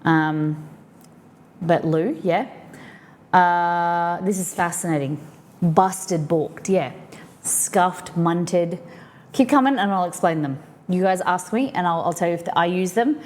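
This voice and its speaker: An Australian woman chats loosely on a live stream, explaining slang to her viewers. Her voice sits a little low, and she wanders through fillers and restarts as she talks. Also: takes it slowly, darkish tone. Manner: rambling, lots of fillers, explaining slang to chat. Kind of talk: casual chat.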